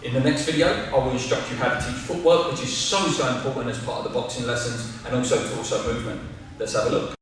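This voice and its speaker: Boxing coach in an echoey hall. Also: male voice, medium pitch, fast, a little hiss or hum. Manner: demonstrating moves while counting and explaining. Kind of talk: instructional coaching demo. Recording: roomy hall echo from far off.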